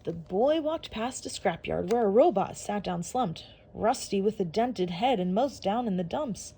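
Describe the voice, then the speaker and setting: A woman reading a rhyming picture book aloud for children, with a steady storytelling rhythm. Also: mid-range voice, measured pace, breathy edge. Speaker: storybook reader.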